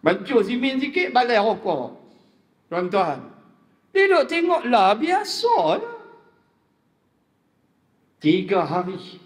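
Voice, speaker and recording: A man with a northern Malaysian accent, preaching a sermon as a lively storyteller who jokes with his audience. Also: extremely high pitch, slow, long pauses. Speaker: religious preacher. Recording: reverberant hall.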